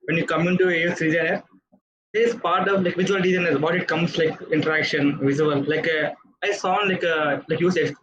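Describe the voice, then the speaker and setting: A man with a Telugu accent, a native Telugu speaker, asking an informal audience question haltingly and searching for words. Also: fairly high pitch, fairly even intonation. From Telugu-speaking south India. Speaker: workshop attendee asking questions. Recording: dull lo-fi connection with loud noise.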